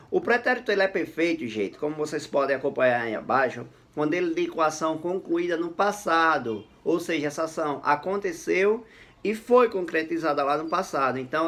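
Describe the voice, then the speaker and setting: A man teaching a grammar lesson on video, lively and emphatic, often checking in with his students. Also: fairly high pitch.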